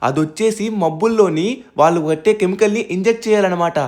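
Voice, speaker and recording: A young man hosting a gaming channel, narrating a game story with excited exclamations. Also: sits high, fast talker. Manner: excitable, exclaiming, reacting aloud.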